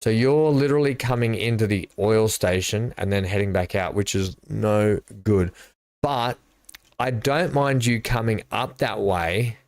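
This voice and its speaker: A man's voice: on the low side, a little slow, a little mellow, dry recording, clean studio sound. A middle-aged man, chatting and thinking aloud while he streams a building game live. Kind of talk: live gameplay commentary.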